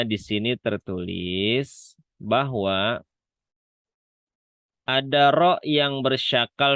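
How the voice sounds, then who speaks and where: A man's voice: on the low side, fairly bright tone, no room sound. A man teaching Quran letter pronunciation in an online class, patiently demonstrating sounds again and again. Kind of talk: online Quran reading lesson.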